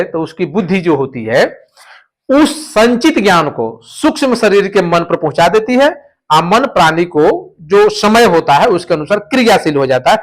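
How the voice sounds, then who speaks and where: A male teacher giving a classroom lecture, explaining points through stories and repeating the key terms. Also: sits high.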